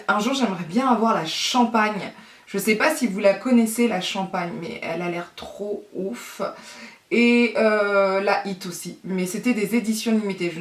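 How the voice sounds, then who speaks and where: A woman from France giving a casual makeup tutorial, talking chattily with many fillers and pauses. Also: on the high side. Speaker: beauty vlogger. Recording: roomy echo, distant mic.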